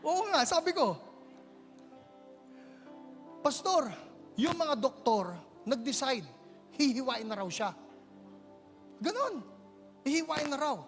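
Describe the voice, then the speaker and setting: Filipino male pastor, very high bright voice, energetic sermon delivery, big hall reverb, faint music underneath. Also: slow, pauses often. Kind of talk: charismatic sermon with storytelling. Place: large conference hall.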